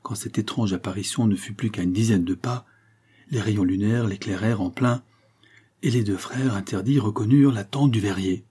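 Very husky male audiobook reader. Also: on the low side, dark tone. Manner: measured, dramatic reading. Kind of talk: scripted literary narration.

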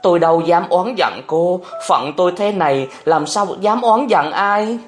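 A woman's voice: on the low side, animated, unhurried, soft background music, pitched above the performer's own voice. A man voicing a poor, humble mother who answers defensively in a storybook reading. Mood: meek. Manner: meek, self-pitying, then stern.

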